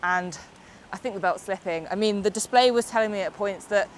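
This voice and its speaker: A cheerful young e-bike reviewer from the UK, stuffy-nosed from a summer cold, speaks a little fast in a medium-pitched voice. She chats and explains mid-ride for a casual cycling video on roads and hills, with faint traffic audible outside.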